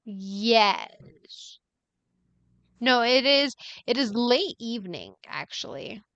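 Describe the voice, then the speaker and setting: Bright, crisp-voiced woman running a game. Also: a little high, sing-song, no room sound, muffled recording. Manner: halting, with fillers and laughs. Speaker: dungeon master. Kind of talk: narrating a tabletop game.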